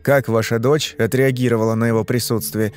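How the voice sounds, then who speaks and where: A man's voice: mid-range voice, flat delivery, a little fast, faint music behind, close to an everyday voice. A man voicing a stern, bearded male hypnotist in an audiobook, asking curt, demanding questions. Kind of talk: audiobook reading.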